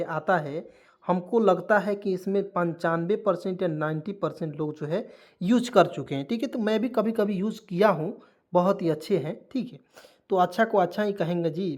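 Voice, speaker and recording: In a video lesson on English pronunciation, a high-voiced man addresses viewers as friends, ends lines with "okay," spells out words one letter at a time, and poses questions only to answer them himself.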